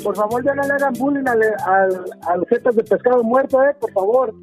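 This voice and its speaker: A man's voice: very high-pitched, a little fast, faint music behind, rough recording. A man with a Mexican accent calling a radio show, joking in slangy banter. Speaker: caller.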